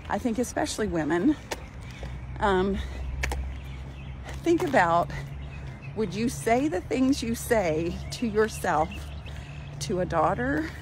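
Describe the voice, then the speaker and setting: In a laid-back walking vlog, a cooking channel host, an older woman, speaks warmly to her audience at medium pitch as she moves through a parking lot. The phone at arm's length picks up clear outdoor background noise along with her chatty, encouraging talk.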